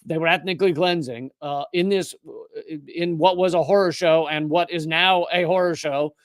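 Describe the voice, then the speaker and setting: A man's voice: on the high side, steady tone, moderate pace, smooth, dry recording, clean studio sound. A man hosting a political commentary show, speaking in an impassioned, sarcastic monologue. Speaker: host.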